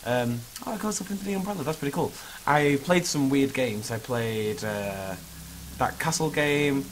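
A young man, hungover with a slightly hoarse voice, chatting in an informal, rambling, self-critical way as he vlogs over a video game. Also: mid-range voice, lively intonation, moderate pace. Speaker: gaming video creator. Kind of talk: casual vlog chat over gameplay. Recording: clearly noisy background ambience.

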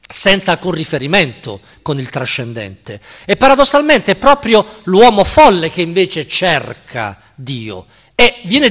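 A male professor lectures in an unhurried, deliberate way, stressing his key words. His pitch sits fairly high and moves a great deal, and a long reverb from the hall follows each phrase. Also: a bit bright. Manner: slow, deliberate, emphatic, checks in with listeners. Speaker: philosophy professor. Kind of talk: university-style lecture. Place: lecture hall at a cultural center.

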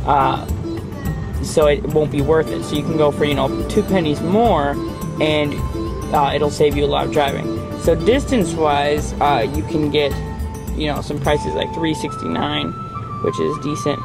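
A man's voice: on the high side, fairly even intonation, normal speed, creaky, over loud music. A young man casually showing phone apps from inside a car, rambling with lots of fillers. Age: young adult. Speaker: tech reviewer. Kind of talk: casual app demo vlog.

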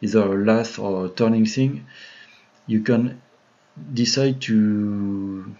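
A man with a French accent talks slowly, in a lowish voice, as he walks viewers through a modeling tutorial on a live stream. He hesitates often, filling gaps with "uh" and restarting his sentences. The audio is dull and lo-fi. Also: warm tone. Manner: hesitant, many fillers and restarts, friendly to chat.

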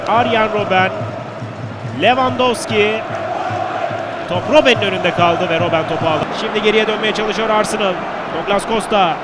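A man giving excited live football commentary, shouting out the goals. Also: high-pitched, moderate pace, pauses often. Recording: very loud stadium crowd noise behind. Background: roaring stadium crowd.

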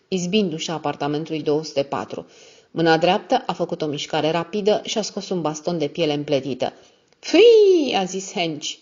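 A woman narrating an audiobook in a steady, even reading style. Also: deep voice. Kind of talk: scripted narration. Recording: dull lo-fi audio.

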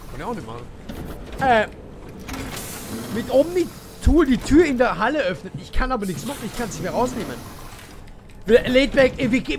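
A man streaming a horror game live, chatty and impatient, talking to his chat and to himself, swinging from mumbles to loud outbursts. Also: high-pitched, slight background noise. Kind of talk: live gameplay commentary.

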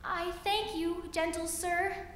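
Girl doing a high, prim little fly. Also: steady tone, slow pace, slight background noise, exaggerated voice. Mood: protesting. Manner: high, bright and protesting. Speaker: student reciting a poem. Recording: echoey hall from far off.

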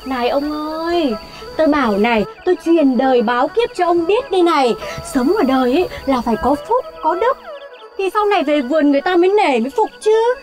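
A woman plays a sharp-tongued village wife who mocks and scolds. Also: sits high, lively intonation, soft background music. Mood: scolding. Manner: scolding, mocking, quick retorts. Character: sharp-tongued, mocking village wife of a middle-aged official. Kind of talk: folk comedy TV acting.

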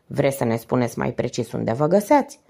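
A woman reading aloud and voicing a calm, middle-aged male police inspector who questions in a measured way. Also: extremely low pitch, vocal fry, pitched below the performer's own voice, exaggerated voice.

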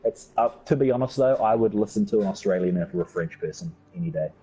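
A low-voiced man with a New Zealand accent chats easily over gameplay, joking as he goes. His tone is dark and mellow, with a very husky, breathy grain. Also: quick pace, low-quality recording. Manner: laid-back, joking banter. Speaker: gaming streamer. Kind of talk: casual gameplay chat.

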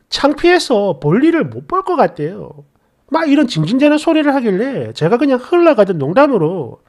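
A woman's voice: fairly high pitch, a little mellow. A woman narrating a personal story in a casual, exasperated, conversational way.

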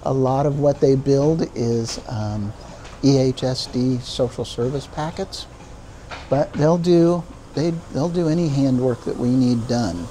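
A man walks visitors through a busy print shop, talking at an unhurried pace with frequent pauses. His voice is mellow and sits a little high, and faint machine hum runs underneath. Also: low-quality recording. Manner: slow, explanatory, with pauses and fillers. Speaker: print shop manager giving a tour. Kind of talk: guided facility tour narration.

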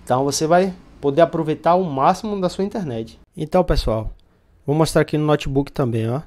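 A computer shop owner with a Brazilian Portuguese accent casually walks viewers through setting up a router, step by step, in a hands-on tech tutorial. His voice is a little high, a little fast and a little mellow, and he explains as he talks through the steps on screen.

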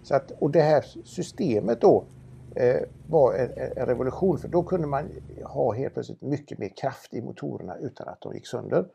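A man's voice: mid-range voice, lively intonation, creaky, dark tone, a little hiss or hum. A man presenting a car for auction in a casual, knowledgeable chat, with frequent restarts. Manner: knowledgeable, chatty, many restarts.

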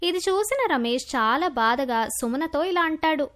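Woman narrator, very high voice, expressive storybook reading. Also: a little slow. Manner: expressive, voices a young girl with a raised pitch.

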